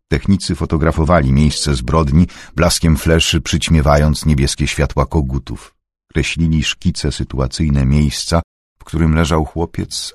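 Man reading an audiobook, super low voice, kinda husky, steady and measured, dry close sound. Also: no echo. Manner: measured, even storytelling. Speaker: audiobook narrator. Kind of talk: scripted audiobook narration.

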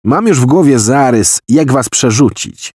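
A man's voice: mid-range voice, expressive, unhurried, darkish tone, husky, no echo, clean studio sound, voice pushed up. A man voicing an agitated American general who heads an intelligence office, given to long declamatory tirades. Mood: commanding. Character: blustering American general, spy chief.

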